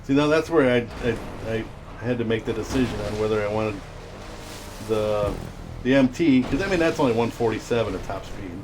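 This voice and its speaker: A man chatting on a live stream, spinning stories and playing out the voices of people in them. His voice sits at an ordinary pitch. A steady hiss of noise runs under the recording. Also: a little fast. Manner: storytelling, animated when quoting others. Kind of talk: casual chat. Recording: noticeable background noise.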